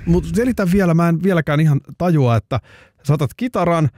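A man's voice: on the high side, lively intonation, dark tone, dry recording, clean studio sound. A Finnish man hosting a talk show, asking probing follow-up questions. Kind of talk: interviewing.

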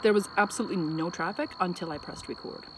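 An Acadian Canadian woman vlogs outdoors on a bridge over water, chatting casually in a lowish voice at a quick pace, thinking aloud and interrupting herself. Her phone rests on the bridge, so the recording is noisy with traffic and insects.

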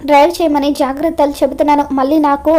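A woman voicing a shifty male bus driver who talks in a slow, pleading way. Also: high voice, little pitch movement, mellow, natural voice.

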